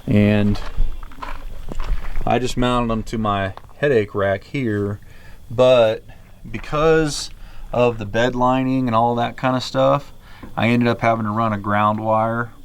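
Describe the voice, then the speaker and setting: An American man who presents gear review videos talks slowly at a fairly low pitch with fairly even intonation. His review is casual, unscripted, rambling and matter-of-fact, captured on handheld camera audio with clear background noise.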